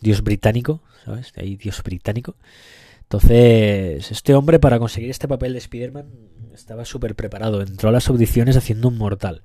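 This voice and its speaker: A man's voice: lowish voice, normal speed, warm tone, dry recording. Profane Spanish-accented man ranting on a podcast. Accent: Spain Spanish. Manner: crude, profane and joking; rambling, loses the thread. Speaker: podcast host. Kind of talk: casual solo podcast rant.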